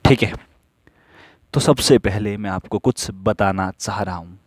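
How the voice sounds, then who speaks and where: Guy teaching steno real slow, keeps asking then answering himself, dry recording. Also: fairly low pitch, no echo. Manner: asks and answers his own questions, repeats rules. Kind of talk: slow classroom lesson with questions.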